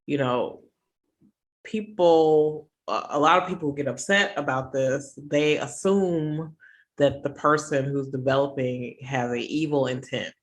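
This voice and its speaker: A woman's voice: extremely low pitch, measured pace. A woman hosting a podcast interview, thinking aloud in a casual, reflective, hedging way. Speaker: podcast host.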